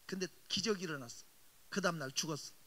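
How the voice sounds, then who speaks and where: A man's voice: on the high side, fast, bright, forceful tone. A middle-aged male pastor preaching a revival sermon in a church sanctuary, telling a story with animation and teasing the congregation. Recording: long reverb of a large hall.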